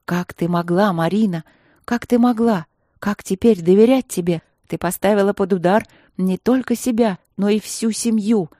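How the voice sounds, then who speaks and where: A woman voicing a furious elder sister who shouts, stern and drawn out. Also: mid-range voice, steady tone, normal speed, no echo, studio quality, close to an everyday voice.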